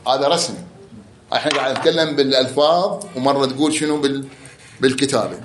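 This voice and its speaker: A man with an Iraqi accent teaching a grammar lesson, explaining with repeated examples and chanting quoted verse slowly. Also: mid-range voice, very noisy. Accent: Iraqi Arabic. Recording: echoey room.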